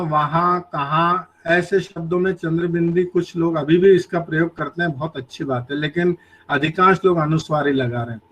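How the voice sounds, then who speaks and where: Slow, high-voiced grammar lecturer. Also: male voice, a bit bright, low-quality recording. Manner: lists example words one by one, deliberate.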